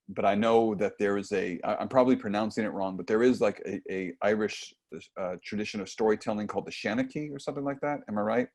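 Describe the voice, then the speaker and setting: A low-voiced man runs a workshop by video call, speaking through an earphone mic in a home room lined with bookshelves. He's relaxed and conversational, leaning on lots of fillers.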